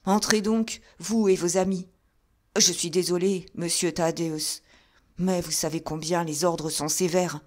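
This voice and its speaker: A woman voicing a stocky male doorkeeper, a former boxer, who speaks bluntly and firmly in a lower voice, raised loud. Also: steady tone, unhurried, lightly acted. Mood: hearty. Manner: blunt, stubborn, then hearty.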